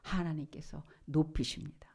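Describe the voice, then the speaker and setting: A middle-aged woman pastor delivers a sermon in a lowish, mellow voice. She tells her story with drama, crying out quoted lines and then sinking to a hushed whisper. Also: fairly even intonation, normal speed, breathy edge. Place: church.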